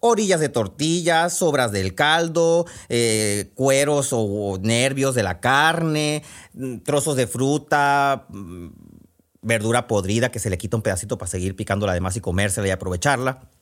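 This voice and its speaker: A man's voice: medium pitch, expressive, normal speed. A man from Sonora, telling a story in a conversational, meandering way. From Sonora, Mexico. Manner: conversational with frequent fillers and restarts. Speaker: podcast storyteller. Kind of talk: oral storytelling.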